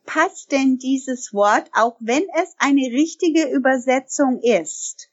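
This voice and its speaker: Here a high-voiced woman talks slowly, with the highs cut off in the recording. Bilingual from birth in German and English, she owns a language school and responds emphatically in an interview, regularly correcting herself mid-sentence.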